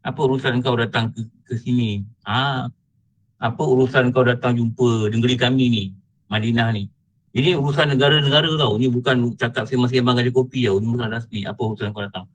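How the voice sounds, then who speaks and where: A Malaysian preacher doing a calm, steady caliph who brushes off insults. He speaks in a plain, firm, even tone with a Malaysian Malay accent, in a mid-pitched man's voice. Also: quick pace, no room sound, lightly acted, poor audio.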